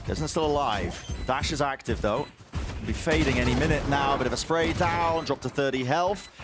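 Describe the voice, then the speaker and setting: A man's voice: medium pitch, moderate pace. A man casting an esports shooter match play by play, describing the action in clipped, dramatic phrases. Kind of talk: esports caster commentary of a live shooter match. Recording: loud game music and gunfire behind. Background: game music and gunshots.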